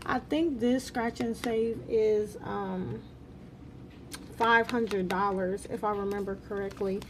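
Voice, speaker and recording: A woman's voice: medium pitch, fairly even intonation, takes it slowly, background noise. A woman vlog host chatting casually as she counts along, her articulation slightly altered by new braces. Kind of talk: casual chat while counting cash and cards.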